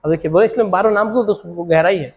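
A young man with a Chhattisgarhi accent giving an animated exam coaching lesson, repeating words and using memory tricks. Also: high-pitched, rapid-fire, long reverb tail. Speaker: teacher.

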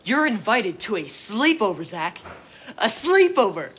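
A man's voice: sits high, a little slow, breathy edge, full character voice. A teenage male actor playing a pushy, defensive schoolboy with a persuasive manner in a TV comedy. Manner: persuasive, animated. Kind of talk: TV teen comedy acting. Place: indoor film set.

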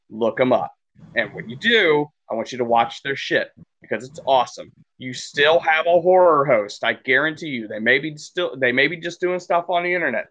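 Rambling storytelling man, slightly muffled. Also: a little high. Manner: rambling storyteller, animated when acting out quotes. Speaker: podcast co-host. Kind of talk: casual chat.

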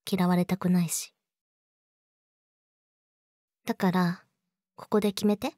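A woman's voice: lowish voice, level tone, moderate pace, a little mellow, no room sound, studio quality, lightly acted. A woman playing a young, clingy yandere girlfriend in an intimate audio drama, sweet and eerily obsessive, coaxing the listener. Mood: apologetic, clingy.

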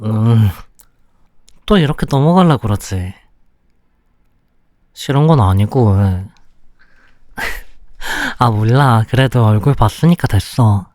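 A young man plays a pouty boyfriend who sulks and teases in a whispered role-play. He talks slowly and softly, close to a dry microphone. His voice sits at an ordinary male pitch. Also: no room sound, lightly acted. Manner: slow, soft, close-up ASMR delivery with pouty complaints. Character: sulky, clingy young boyfriend, teasing and pouty.

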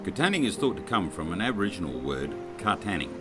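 Low, lively Australian man. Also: fast, loud music behind the voice. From Western Australia. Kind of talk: casual chat.

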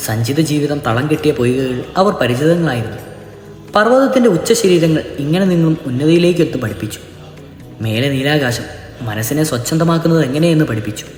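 A man giving a solemn, measured scripted narration of a legend as storyteller. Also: fairly high pitch. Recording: echoey narration with long reverb.

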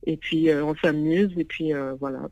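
Her voice sits low and sounds mellow, with fairly even intonation at a moderate pace; the dry phone recording has its highs cut off. A native English speaker and founder of a parents' venue, she's a phone interview guest who hesitates with lots of fillers.

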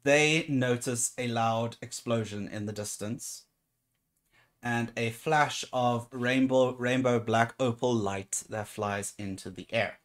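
A man's voice: mid-range voice, fairly even intonation, takes it slowly. A man narrating as game master of a tabletop game in an easygoing, descriptive way.

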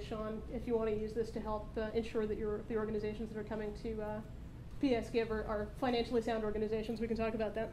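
Woman, 30s, fast-talking demo presenter at a podium mic, higher voice, faint rumble behind. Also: mellow, poor audio. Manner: brisk, explanatory, upbeat. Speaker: startup founder presenting a product demo. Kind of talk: live product demo presentation. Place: conference stage at a meetup, indoors. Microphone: podium microphone.

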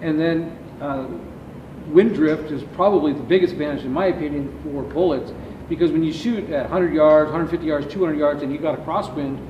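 A middle-aged man, founder of an ammunition company, talks a little fast in a slightly high voice as he answers interview questions about his business in detail. He gestures with his hands while standing in a large indoor warehouse with shelving. The distant camera's audio is dull and echoey, with clear background noise.

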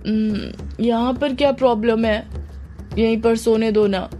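A woman's voice: a little high, steady tone, mellow, soft background music, lightly acted. A woman voicing a drowsy, secretive young woman. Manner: drowsy, drawn-out.

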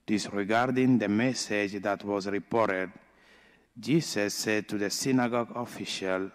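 Slow, low-voiced priest in a reverberant church. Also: male voice. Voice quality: slow, deliberate delivery with pauses. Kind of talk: gospel reading and homily. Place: large church.

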